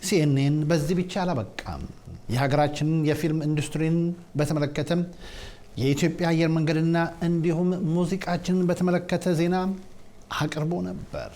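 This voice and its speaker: A man's voice: a little high, steady tone, racing, warm tone. A man presenting the news from a television studio in a formal announcing style. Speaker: news anchor.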